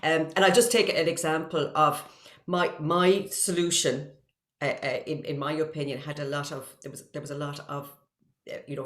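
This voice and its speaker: A woman's voice: low-pitched, roomy sound. An Irish woman, a guest on an interview over a video call, talking casually and stumbling through many false starts and repeated words. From Ireland. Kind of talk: casual chat.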